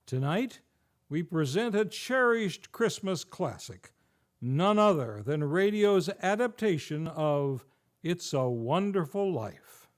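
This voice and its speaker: A man with a voice on the high side announces and hosts a live vintage-style radio show on a theater stage, speaking slowly and expressively. His style is showy and grandly enunciated, and faint music can be heard in the background.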